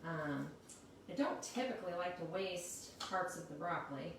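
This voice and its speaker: A woman's voice: lowish voice, lively intonation, moderate pace. Chatty woman in an echoey kitchen. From Missouri, United States. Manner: chatty, laughs often, explains steps warmly. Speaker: cooking show co-host. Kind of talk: casual cooking demonstration. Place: home kitchen. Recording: echoey kitchen, mic far off, loud kitchen noise.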